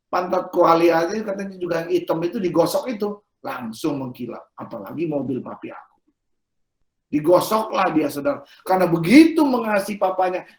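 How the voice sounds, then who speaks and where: A man preaching a sermon as pastor, telling a story with lively animation and often turning to address his listeners directly. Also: a little high. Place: church service hall. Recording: echoey worship hall.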